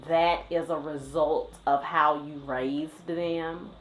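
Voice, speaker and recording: A woman's voice: low voice, steady tone, takes it slowly, a little hiss or hum. A woman asking questions as the interviewer in a casual family conversation. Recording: echoey room.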